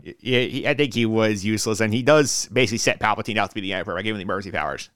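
A young man hosts a casual podcast, moving the talk along quickly. His voice is smooth and crisp, and he speaks at a brisk clip. The sound is dry and close. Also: lowish voice, a bit bright, no echo. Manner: quick, upbeat, wrapping up segments. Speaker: podcast host.

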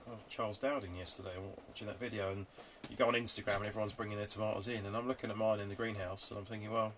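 A man's voice: on the low side, steady tone, rapid-fire, a bit bright. A man from England with a southern English accent, chatting informally as a podcast co-host, thinking aloud in a matey way. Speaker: podcast co-host on allotment gardening. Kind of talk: casual chat. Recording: noisy background, rain on roof. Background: rain drumming on the roof.

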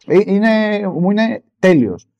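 A man co-hosting a casual film discussion podcast, hesitant, with many fillers and lively jumps in pitch. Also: lo-fi sound. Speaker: podcast co-host.

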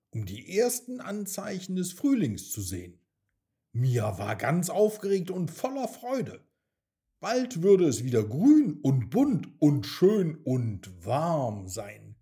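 A man narrating a children's story in a gentle storytelling manner. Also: mid-range voice. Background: soft background music.

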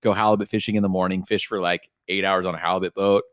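A young man with a deep, low voice chats casually on a podcast, relaxed and loose, dropping "dude" and "like" all through his sentences. He is recorded close on a studio mic with a dry, dead sound and no room around him. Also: quick pace, clean tone, no echo. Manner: laid-back, says "dude" and "like" a lot. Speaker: podcast host.

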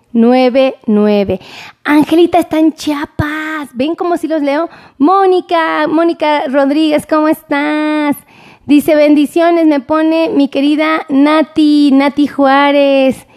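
A Mexican woman doctor hosting a live stream, chatting warmly and greeting viewers by name. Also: high-pitched. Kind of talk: casual live-stream chat reading viewer comments.

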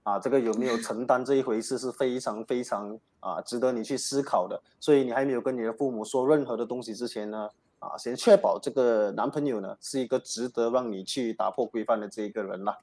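A man's voice: medium pitch, fairly even intonation, fairly quick, a little mellow. A man hosting an advice show, talking casually with many fillers. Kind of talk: casual radio talk.

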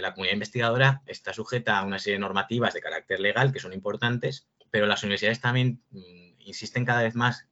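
A man, a guest researcher speaking in a measured, reflective way. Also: on the low side, pushed and bright, muffled recording. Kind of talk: explanatory panel talk.

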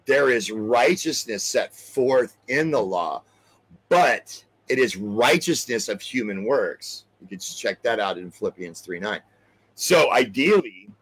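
A man preaching a sermon, explaining scripture verse by verse, often halting on repeated words and asking "right?". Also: mid-range voice, fairly bright tone, slightly rough, poor audio. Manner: expository, cites scripture verses.

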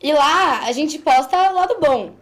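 A woman's voice: sits high, lively intonation, normal speed. A young woman, chatting casually as a guest and rambling a bit. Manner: rambling, loses her train of thought. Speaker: podcast guest. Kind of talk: casual chat.

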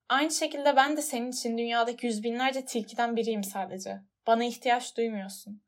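A wise talking fox explains things calmly and patiently, in a voice close to the storyteller's own, as a woman reads him aloud. The tone is steady and unhurried throughout this storybook audiobook. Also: on the high side, lightly acted.

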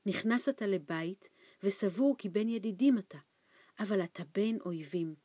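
A woman reading an audiobook, voicing a frightened, starving old man who talks in anxious, hushed pleas. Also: no echo, lightly acted. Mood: fearful. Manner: anxious hushed pleading, raised pitch. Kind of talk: audiobook character voice.

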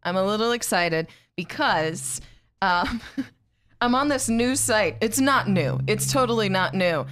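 A woman's voice: medium pitch, expressive, a little slow, a bit bright. A woman in her twenties co-hosting a podcast, bubbly and giggly, poking fun at herself. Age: 20s. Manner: bubbly, giggly, self-deprecating. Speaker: podcast co-host. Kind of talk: casual podcast chat.

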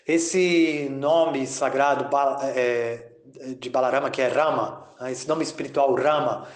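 A man giving a devotional audio talk as a spiritual teacher, speaking haltingly and drawing out chanted mantras. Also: medium pitch, steady tone, roomy sound.

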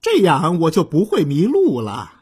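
A woman voicing an excitable young snake in a children's story, high and squealing. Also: normal speed. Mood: polite.

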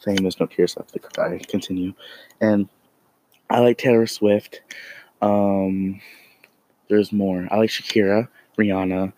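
A man's voice: sits low, steady tone, a little slow, long pauses, dark tone, low-quality recording. A man chatting casually and enthusiastically to camera outdoors, rambling and repeating himself as he talks. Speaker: vlogger. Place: outdoors in the cold, street traffic nearby.

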